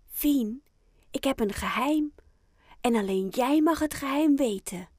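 A woman voicing an excitable, stubborn young penguin boy in a children's audiobook, with an eager, proud way of talking. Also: high-pitched, a little slow, no echo, studio quality, pitched above the performer's own voice. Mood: whispering.

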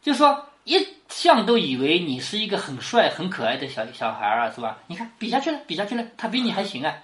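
A woman lecturing on classic literature in an easygoing, conversational way. Her pitch rises and falls constantly as she explains. She keeps drawing in the listener with rhetorical questions. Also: very animated, fast, a bit bright.

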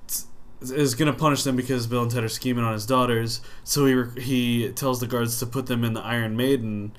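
A man's voice: medium pitch, steady tone, a little fast. A man co-hosting a casual film podcast, talking in a dry, matter-of-fact way with stumbling restarts. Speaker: podcast co-host.

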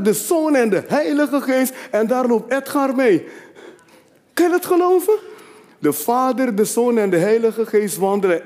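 A man preaching a sermon as an apostle, emphatic, swinging between low confiding asides and loud rising declarations. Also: big-room sound.

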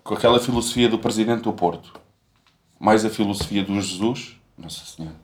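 A man's voice: on the low side, a little fast, slight background noise. A young man, chatting casually in a rambling, slangy way full of swearing. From Portugal. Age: young adult. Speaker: podcast co-host. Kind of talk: casual chat.

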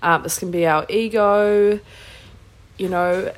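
Slow-paced New Zealand woman podcaster. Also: mid-range voice, fairly even intonation. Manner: earnest, emphatic, informal with some swearing. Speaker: podcast host. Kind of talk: casual solo spiritual self-help podcast talk.

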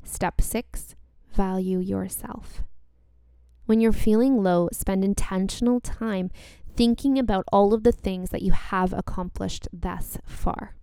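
A woman delivers motivational self-help talk in a clear voice with noticeable vocal fry. She speaks directly and earnestly to the listener, leaning on repeated phrases for emphasis, and the recording is close and dry. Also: mid-range voice, steady tone, slow, warm tone, dry recording. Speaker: podcast host.

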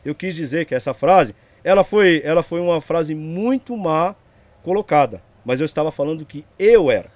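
A man's voice: on the high side, lively intonation, moderate pace, a little mellow, dry recording. A man, telling his side of a story as a guest in a casual interview, rambling along and checking in with the listener. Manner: rambling, tags lines with "entendeu?" and "meu".

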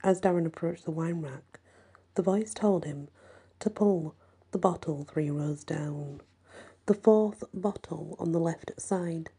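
A woman narrating a horror short story in a hushed, often whispered delivery. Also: sits low, takes it slowly, husky. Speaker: audiobook narrator.

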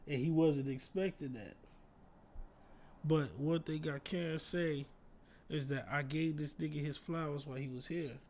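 Man, slightly high voice, casual chat, laid-back storytelling, heavy slang. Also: fairly even intonation, measured pace, darkish tone, a little hiss or hum. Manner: laid-back storyteller, laughs through his punchlines. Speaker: podcast co-host.

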